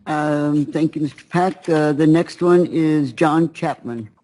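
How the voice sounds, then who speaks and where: A woman's voice: deep voice, slow, mellow, rough recording. Woman running a meeting, very polite and formal like on a conference call. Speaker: meeting chair.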